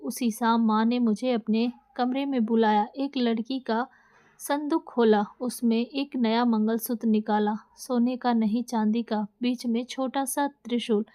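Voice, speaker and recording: A woman storyteller reading a scripted story in a steady, even-paced way. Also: fairly high pitch, unhurried. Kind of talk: scripted narration.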